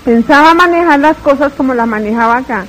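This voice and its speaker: A woman's voice: sits high, a little fast, fairly bright tone, a little hiss or hum, poor audio. A woman giving a dramatic, tearful religious testimony, retelling her story with fervor.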